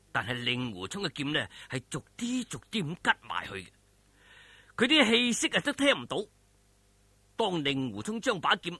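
A man with a Hong Kong Cantonese accent narrates a wuxia audiobook dramatically, theatrical, colloquial and emphatic. His high, gravelly voice sounds pushed and bright, recorded with no room sound.

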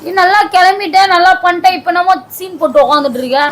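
A woman's voice: extremely high pitch, quick pace, poor audio. A woman performing a comedy skit, nagging and scolding someone in an insistent, impatient way. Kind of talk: scripted comedy argument.

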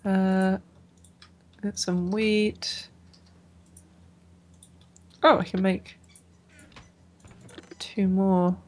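A woman's voice: medium pitch, flat delivery, very slow, pauses often. A young woman in casual gaming chat, a self-mocking beginner who mutters to herself while playing. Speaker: beginner gamer.

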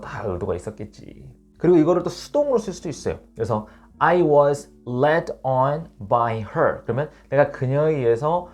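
Lively man teaching English. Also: mid-range voice. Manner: explains patiently, reads English examples slowly and clearly. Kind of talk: online English lesson.

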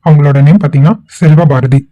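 A man's voice: a little high, fast, dry recording, narrow, tinny audio. A man channel host giving a friendly, inviting introduction to viewers.

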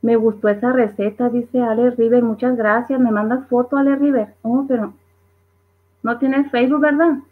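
At a moderate pace and in a steady, fairly high voice, a woman running a casual livestream reads her viewers' comments out loud and laughs at them. The sound is tinny, as if from a phone.

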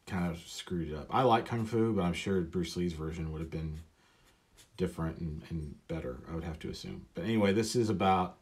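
A man's voice: low voice, fairly even intonation, fairly quick, a little mellow. A man talking casually and rambling as he inks a drawing, often mocking himself. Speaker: illustrator. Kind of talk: casual talk while drawing.

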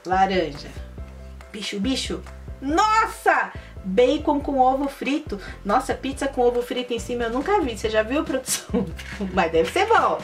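Lady kids host, high bouncy voice, slow and sing-songy, bit far from mic w faint music. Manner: excitable, exclaiming, sing-song kids' presenter. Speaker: kids' channel host. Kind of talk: playing a board game for children.

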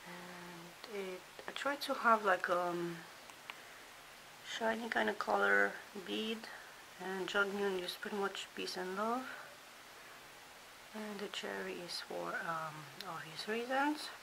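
A woman's voice: mid-range voice, slow, creaky. A woman vlogging casually from a dim hotel room, chatting and sometimes half-whispering as she shows her things. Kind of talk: casual show-and-tell vlog. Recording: hissy home recording. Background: steady hiss.

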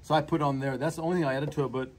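Fast-talking man at a hobby club. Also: a little high, fairly even intonation, a little mellow. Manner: rambling, halting. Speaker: model club member. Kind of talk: casual chat. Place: club meeting room. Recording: noisy room recording.

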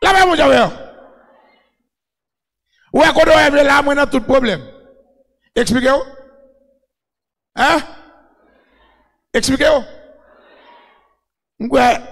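Haitian preacher, man, very high voice with a gravelly edge, hollering a sermon in a big echoing space. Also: slow, pauses often, fairly bright tone. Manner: chanting, repeating a refrain. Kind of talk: shouted sermon. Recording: long echoing reverb.

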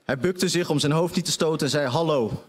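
A man's voice: on the high side, quick pace, slightly rough, long reverb tail. A man giving a live reading of a satirical comic story on a stage, with dry, wry narration. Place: stage of a debate venue.

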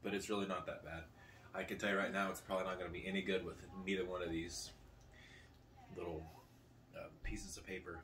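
A man in his thirties with a low voice talks casually through a food tasting. He is picked up by a camera mic a little way off in a living room, with faint room noise behind him. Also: little pitch movement, brisk, long pauses, fairly bright tone. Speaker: host of a food challenge video. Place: small living room at a table, indoors. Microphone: camera a couple of metres away.

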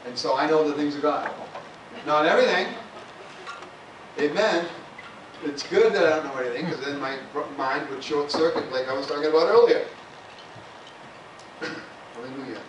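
A pastor delivers a loose, conversational sermon in a slightly high voice, often sprinkling in "amen" and "hallelujah." He speaks at normal speed with frequent pauses, captured from afar in an echoey, roomy sanctuary over a faint hiss.

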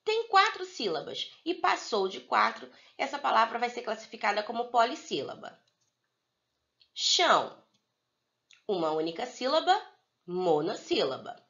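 Lively Brazilian teacher, lo-fi sound. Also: female voice, a little high, creaky. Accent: Brazilian Portuguese. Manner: slow, drawn-out word-by-word dictation for young pupils. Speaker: primary school teacher. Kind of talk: recorded video lesson for children.

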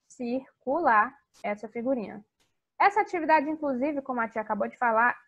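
A woman teaching English to young children in a video lesson, with a sing-song teacher manner and slowly spelled-out English words. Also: sits high, a bit bright, dull audio. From Brazil. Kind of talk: recorded video lesson for kids.

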